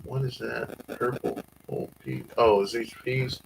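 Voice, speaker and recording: A man's voice: mid-range voice, steady tone, a little slow, creaky, noisy background. A man with a Southern US accent hosting a casual family-farm livestream, reading viewer comments in a laid-back drawl. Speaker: livestream host.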